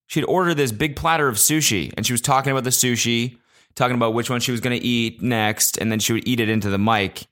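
A man hosting a casual solo podcast, talking into a podcast mic in an animated, profane rant that jumps between loud exclamations and low mutters. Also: quick pace. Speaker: podcast host. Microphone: podcast microphone.

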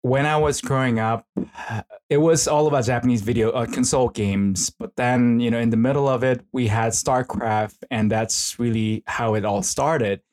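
With a Korean accent, a middle-aged South Korean man who works as an esports consultant and professor rambles hesitantly as a guest in a casual interview. His medium-pitched voice is darkish and steady in tone, at normal speed, and his manner is informal.

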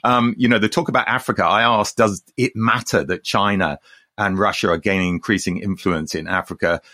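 A man's voice: lowish voice, fairly even intonation, fairly quick, pushed and bright, no room sound, clean studio sound. A man co-hosting a podcast in a conversational, reflective way, offering his own views. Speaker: podcast host.

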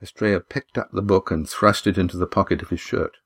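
Low-voiced man reading an audiobook. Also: fairly even intonation, fairly quick, creaky, slightly rough. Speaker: audiobook narrator. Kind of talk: scripted story narration.

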